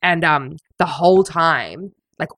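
A woman with an Australian accent in casual chat, telling an animated story with lots of swearing and mimicry. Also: low-pitched, slow, dry recording, clean studio sound.

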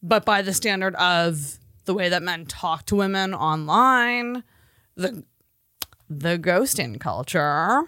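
A woman's voice: on the low side, lively intonation, slow pace, bright, forceful tone, no room sound, clean studio sound. Chatty opinionated female podcast co-host. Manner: chatty, opinionated, uses "like" often. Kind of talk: casual chat.

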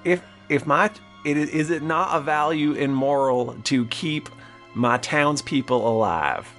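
A man playing a flustered, apologetic town leader in an improvised tabletop game, halting and stammering as he placates everyone. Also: fairly high pitch, a bit bright, soft background music. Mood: flustered, placating. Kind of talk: improvised tabletop role-play.

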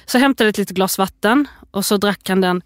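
A woman's voice: mid-range voice, no echo, clean studio sound. A woman co-hosting a casual chat, telling stories animatedly and acting out her toddler's lines. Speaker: podcast co-host.

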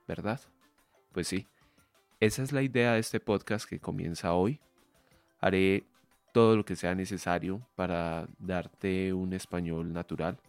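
A Colombian man with a Medellín accent hosts a language-learning podcast in a low voice, explaining things to the listener in a calm, measured way. His voice is recorded close and dry, and soft music plays faintly in the background. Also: no room sound. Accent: Colombian Spanish from Medellín. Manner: clear, measured teacher's delivery addressing the listener directly. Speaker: Spanish teacher and podcast host.

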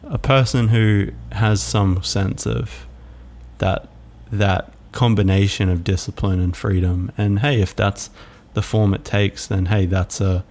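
Low and flat in tone, a man hosting a solo podcast reflects aloud, his musing speech halting and packed with fillers.

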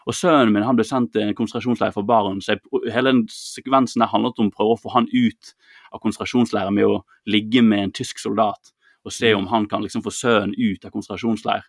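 A man co-hosting a podcast, retelling a film in a lively, casual way, acting out quotes and swearing freely. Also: lowish voice, dry recording, studio quality. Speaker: podcast co-host.

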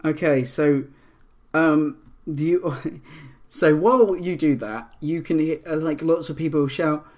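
A man running a tabletop game as game master, his voice pitched a little above the usual. He narrates scenes haltingly, with plenty of fillers and restarts. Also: darkish tone.

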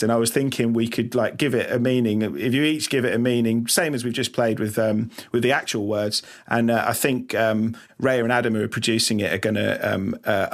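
A man hosting a comedy podcast, chatting casually and hesitantly with many fillers. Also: mid-range voice. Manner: hesitant, lots of ums, gently upbeat. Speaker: podcast host.

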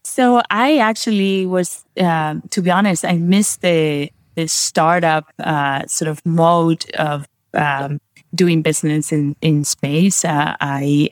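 Guest from Peru, casual interview, enthusiastic, many restarts, mid pitch, dry recording. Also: fairly even intonation, takes it slowly, no room sound.

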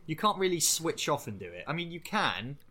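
A man's voice: a little high, big pitch swings, a little fast, sharp tone. A man hosting a casual podcast chat, reading out listener questions, laughing often and swearing casually.

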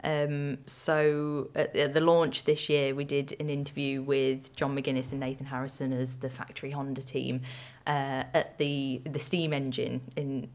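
A woman's voice: a bass voice, level tone, unhurried, hardly any pauses, a little mellow. A woman guest on a podcast who works as a presenter, speaking thoughtfully with some hesitant ums. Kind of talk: casual podcast interview.

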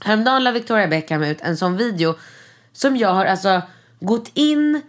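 A woman chatting casually, telling stories in an animated, gushing way with many fillers and acted-out quotes. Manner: acts out quoted voices in high English. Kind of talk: casual chat.

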